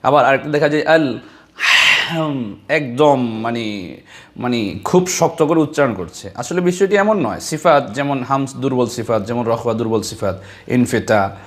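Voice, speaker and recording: A man teaching how to pronounce a letter in Quran recitation, explaining step by step and repeating syllables for practice. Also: medium pitch. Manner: slow, deliberate, drawing out sounds and repeating syllables. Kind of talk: slow, patient tajweed lesson.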